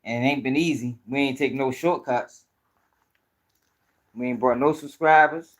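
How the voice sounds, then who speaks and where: A man with a Baltimore accent hosts a casual livestream for his commentary channel, talking to viewers in loose, profane street slang. His voice is mid-range and his pace a little slow.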